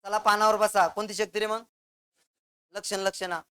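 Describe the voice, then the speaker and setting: A male teacher giving a classroom grammar lecture, explaining step by step with examples and firing quick questions at the class that he answers himself. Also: high voice, level tone, bright, forceful tone, clear, resonant tone.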